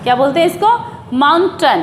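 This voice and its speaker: High-voiced woman teaching pronunciation. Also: fairly quick, slight background noise. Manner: drills each word by repeating it and asking "what is it called?". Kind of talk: classroom-style pronunciation lesson. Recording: echoey room with faint ambience.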